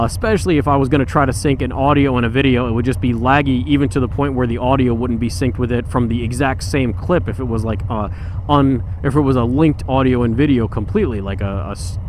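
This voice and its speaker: A man talking in a casual, rambling motorcycle vlog, informal and mildly exasperated, on a mic tucked under his helmet chin guard. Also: medium pitch. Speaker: motorcycle vlogger. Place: outdoors on a motorcycle. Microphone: external mic under helmet chin guard. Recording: loud outdoor vehicle and road noise.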